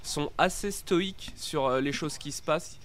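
A man's voice: on the high side, moderate pace, a bit bright. A man chatting casually about a film, with frequent fillers.

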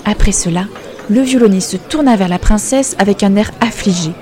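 A woman storyteller narrating a fairy tale in a calm, measured way. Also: mid-range voice.

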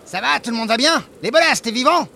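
A man's voice: very high voice, animated, fast talker, creaky, noisy background, heavily acted. A man playing a cocky, foul-mouthed hobbit rogue in a fantasy parody, with cheeky slangy talk. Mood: cocky taunting. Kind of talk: parody fantasy cartoon acting. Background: music.

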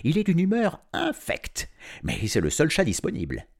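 A man playing a smug, brisk male veterinarian in a storybook reading. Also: on the high side, huge pitch swings, pitched above the performer's own voice, full character voice. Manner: self-satisfied, brisk.

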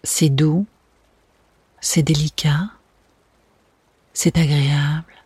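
A meditation guide speaking in a soft, soothing, breathy spa whisper, gently narrating a relaxation exercise. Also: mid-range voice, little pitch movement, extremely slow, dry recording. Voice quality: breathy, hushed.

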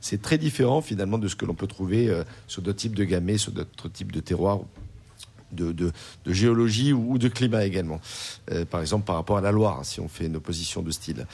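Husky-voiced man explaining wine. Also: low-pitched, fairly quick, a little mellow. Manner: hesitant, repeats words, explanatory. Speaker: sommelier and restaurant owner. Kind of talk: wine talk on radio.

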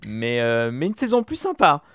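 A man's voice: mid-range voice, huge pitch swings, moderate pace, fairly bright tone. Chatty man telling a story. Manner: chatty storyteller, frequent fillers and repeats. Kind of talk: casual chat recapping TV shows.

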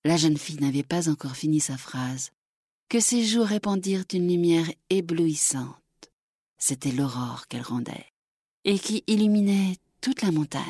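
Woman storyteller, lowish voice, calm measured fairy tale reading, dry close sound. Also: husky, dry recording.

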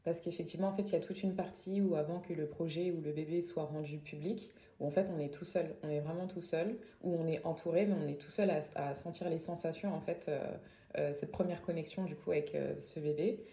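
A woman musician answers a podcast question in a very low, warm voice, pausing often with fillers as she works out her thoughts. Her voice carries a roomy echo. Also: fairly even intonation. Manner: thoughtful, hesitant, many fillers. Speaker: singer-songwriter guest. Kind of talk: casual interview.

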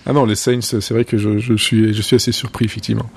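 A man's voice: lowish voice, level tone, fast, creaky, breathy edge. A man chatting as a podcast guest in an easygoing, hesitant way. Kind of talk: casual podcast chat.

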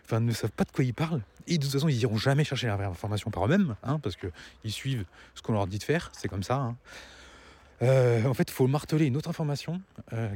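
A man's voice: medium pitch, a little mellow, breathy edge. A man giving a casual opinion monologue to viewers as a vlogger, rambling and stammering, swallowing words as he walks outdoors. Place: outdoors, walking, nearing a road.

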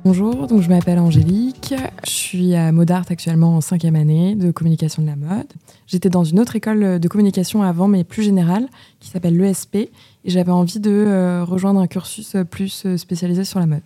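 A young woman in her twenties, a fashion communication student, talking about her plans in a measured way with frequent hesitations. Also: lowish voice, dark tone, no echo, soft background music. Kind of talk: casual spoken testimony.

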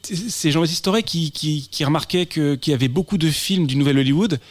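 A man's voice: fairly high pitch, fairly quick, dry recording. A man commenting on film history in a casual chat, speaking enthusiastically with many restarts and repeated words.

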